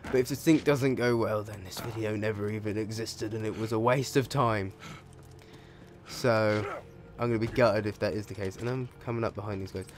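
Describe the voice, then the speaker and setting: A man giving casual let's play commentary while gaming, chatty and profane, with sudden excited yelps. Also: fairly low pitch, normal speed. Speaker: gaming video creator. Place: home room.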